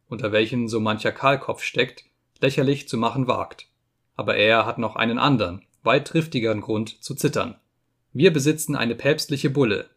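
A man's voice: mid-range voice, natural voice. A man voicing a furious old friar who rants and quotes scripture, in an audiobook reading. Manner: ranting, quoting scripture.

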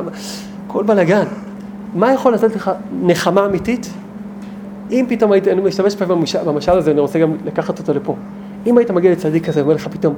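A rabbi, a man with a notably high voice, teaching a small group. He talks in an animated, emphatic way and keeps putting rhetorical questions to his listeners, with faint noise in the background.

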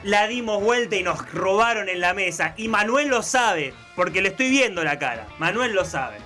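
A man with an Argentine accent, his voice high and ringing. He trades jokes on live radio and breaks into theatrical mock-outrage over a faint music bed. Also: lively intonation, moderate pace, pushed and bright. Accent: Argentine Spanish. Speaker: radio show co-host. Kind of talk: comic banter on live radio.

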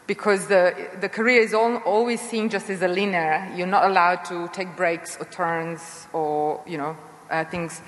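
A woman's voice: mid-range voice, a bit bright. Earnest woman from Serbia in a hall. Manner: earnest, searching for words. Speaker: panel moderator. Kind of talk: panel discussion. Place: conference hall. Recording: hall with long reverb.

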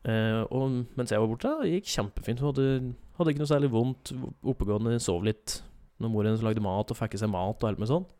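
A man's voice: mid-range voice, few pauses, warm tone. A young man telling a long story in casual chat, rambling with many fillers and self-corrections.

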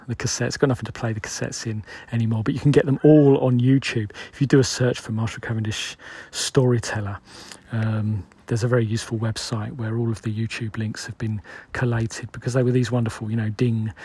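A British man in his forties hosts a solo podcast with a gravelly, husky voice. He thinks aloud in a loose, meandering monologue, wandering from point to point as ideas come to him. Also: mid-range voice, darkish tone. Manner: musing, loosely planned, rambling. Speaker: podcast host.

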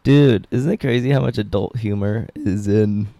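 A man with a gravelly, creaky voice chats on a podcast in a loose, drawling way. He laughs often and keeps a relaxed, unhurried manner while trading jokes with friends. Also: lowish voice, no room sound. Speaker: podcast co-host. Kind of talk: casual group chat.

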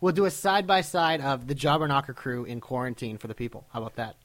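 A man co-hosting a podcast in casual fan banter, excitable and a little showy. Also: medium pitch, quick pace. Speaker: podcast co-host.

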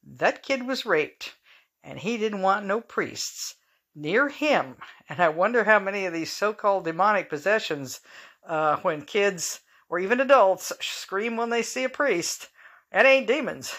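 A woman with a bright, forceful voice hosts her podcast alone. She rambles frankly from point to point and drops chatty asides to the listener, close on the mic. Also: medium pitch, animated, a little slow. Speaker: podcast host. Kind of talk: casual monologue.

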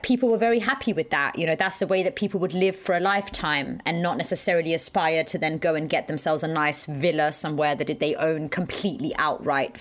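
A woman from Denmark co-hosting a podcast, chatting and searching for words as she explains. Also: low voice. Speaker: podcast co-host. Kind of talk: conversational discussion.

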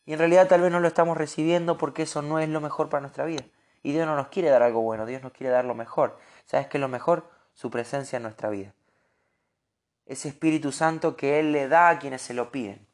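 A man's voice: on the high side, a little fast. Earnest Rioplatense man preaching. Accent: Rioplatense Spanish. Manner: earnest, animated, with frequent word restarts. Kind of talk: devotional sermon.

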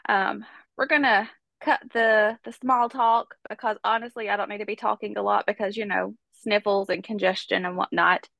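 A podcast host with a cold recounts a true-crime story in a chatty, conversational way, full of fillers. She speaks at a moderate pace with fairly even intonation, and her mid-range voice is creaky and a bit bright. There's no room sound.

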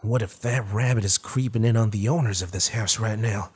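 A man reading a horror story, voicing an injured young man trapped in a fire, muttering and frightened, with a husky voice. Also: lowish voice, a little fast, a little mellow.

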